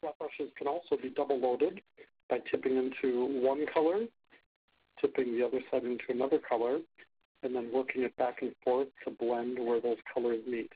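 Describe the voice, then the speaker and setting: This is a man's scripted narration from an instructional video, giving short step-by-step commands; it was played from a phone held up to a speaker and recorded again, so it sounds tinny. His voice sits at medium pitch with fairly even intonation, a moderate pace and a slightly rough quality.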